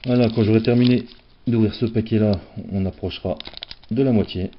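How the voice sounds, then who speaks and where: A man talks through opening packs of cards in a relaxed, joking way, often poking fun at himself. His voice sits on the low side. The recording is dull and lo-fi. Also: brisk, slight background noise. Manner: chatty, self-mocking, playful. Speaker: card collector opening packs. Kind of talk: casual unboxing commentary.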